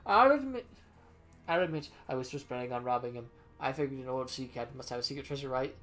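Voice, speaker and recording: A man's voice: mid-range voice, animated, quick pace, a bit bright, natural voice. A man voicing a shifty, sheepish small-time thief in a game, defensively explaining himself. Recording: music behind the voice.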